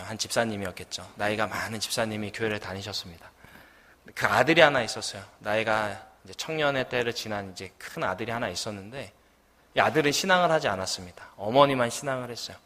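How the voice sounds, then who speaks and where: Storytelling young preacher in a reverberant church. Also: male voice, medium pitch, a bit bright. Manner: storytelling, asks the congregation questions. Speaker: junior pastor. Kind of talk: sermon. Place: church sanctuary. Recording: long church hall reverb.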